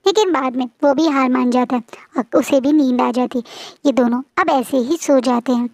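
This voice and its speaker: A woman retelling a fan fiction story in a chatty, casual way, often restarting her words. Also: high-pitched.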